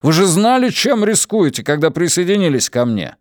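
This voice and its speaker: A man voicing an agitated, bitter diplomat in a science-fiction audiobook, forceful and exclaiming with indignation. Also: a little high, big pitch swings, measured pace, clear, resonant tone, dry recording, studio quality, voice pushed up. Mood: angry. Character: agitated, bitter male diplomat, the Consul of a space epic. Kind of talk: dramatised audiobook reading.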